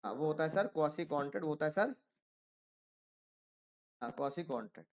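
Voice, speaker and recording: A man's voice: a little high, expressive, slow. Storytelling male law teacher. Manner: storytelling, acts out characters in quotes, asks class questions. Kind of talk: classroom law lecture.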